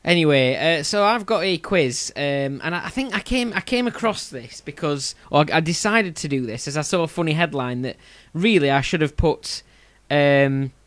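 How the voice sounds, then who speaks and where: A man's voice: fairly high pitch, animated, moderate pace, few pauses, fairly bright tone, no room sound. A man with a Yorkshire accent hosting a podcast in a casual, rambling way, often restarting his sentences. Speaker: podcast host.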